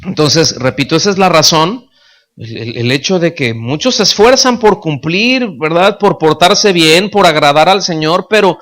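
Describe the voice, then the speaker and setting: A man's voice: on the high side, animated, moderate pace, fairly bright tone. A male pastor preaching a sermon in a conversational way, often checking in with the congregation.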